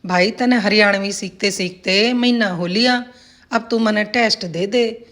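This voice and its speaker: A woman's voice: mid-range voice, unhurried, gravelly, a bit bright. A blunt old village man, played by a woman narrator, teases in rustic speech. His talk is earthy and mocking, in the manner of a told folk story. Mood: teasing.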